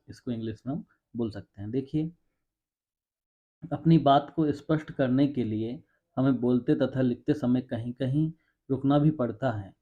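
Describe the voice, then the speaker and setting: A man teaching a Hindi grammar coaching class, explaining step by step and reading out examples. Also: mid-range voice. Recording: dull lo-fi sound.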